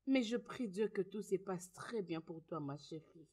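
A slow, consoling friend. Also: female voice, mid-range voice, animated, warm tone, slightly rough. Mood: sympathetic. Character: sympathetic woman friend. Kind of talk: French film dub.

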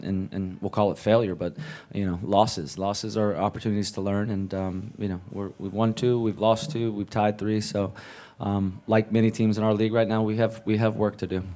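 Head coach at a press table, man, lowish and mellow, measured answers with lots of restarts. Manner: measured, repeats words while thinking. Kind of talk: post-match press conference answers. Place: press room with a sponsor backdrop. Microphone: table mic on a stand.

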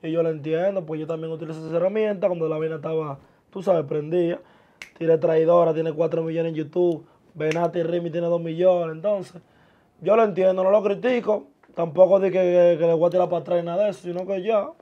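A young man, a guest chatting casually and laid-back in a small studio, full of street slang and trailing off softly. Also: fairly high pitch, steady tone, a little fast, muffled recording. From born in the US, of Dominican parents. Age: young adult. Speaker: guest, musician and TikToker. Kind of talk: casual interview talk. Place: small indoor studio with sofa chairs.

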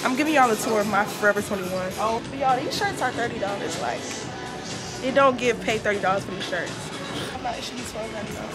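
Vlogging her way through a busy clothing store and grocery store, a young woman chats playfully in slangy, casual talk. Her slightly high voice moves fast with lively intonation over loud music, picked up by a handheld camera held at arm's length.

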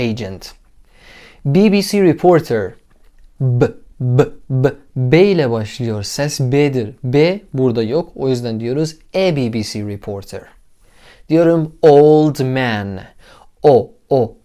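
A man gives a relaxed English lesson at a medium pitch. He spells out letters and repeats vowel sounds over and over as drills. Along the way he quizzes his viewers and cheers their answers. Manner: asks the viewers questions and praises them. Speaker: English teacher. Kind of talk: casual explanatory lesson.

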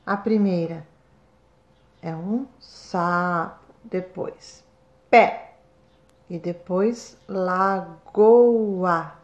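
A woman with a Brazilian Portuguese accent, a first-grade teacher recording a remote lesson, speaking slowly and stretching out syllables for young children. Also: on the low side, dull audio. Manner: slow, sing-song, stretches syllables for children.

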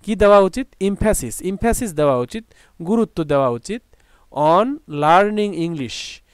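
Patient male vocabulary teacher with a Bangladeshi accent, a fairly high and clear voice. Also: lively intonation, no echo. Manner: patient, repeats each word several ways and slowly reads out example sentences. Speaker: English teacher. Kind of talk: classroom lesson explaining vocabulary.

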